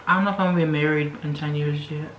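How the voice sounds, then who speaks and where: A woman's voice: sits low, steady tone, rapid-fire. A woman in her twenties chatting casually with friends in a playful, teasing way. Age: 20s. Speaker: participant in a group mukbang chat. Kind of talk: casual chat among friends. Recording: roomy echo, faint background noise.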